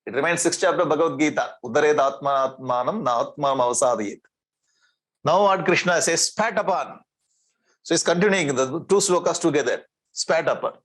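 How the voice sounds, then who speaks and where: A man with a South Indian accent giving a spiritual discourse in an animated, conversational way, repeating phrases and asking rhetorical questions. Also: a little high. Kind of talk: spiritual discourse with Sanskrit verse recitation.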